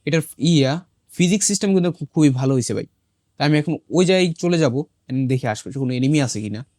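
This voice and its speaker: A man, hoarse from a cold, chatting casually to viewers while he plays and throws in English exclamations. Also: a little high, animated, quick pace, a little mellow, dry recording, clean studio sound. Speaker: gaming channel host. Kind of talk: casual gameplay commentary.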